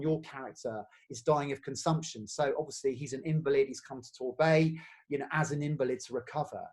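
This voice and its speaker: Chatty English man leading an acting workshop. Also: fairly high pitch. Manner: chatty, many fillers and restarts, laughs easily. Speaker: theatre workshop leader. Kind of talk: casual acting workshop talk.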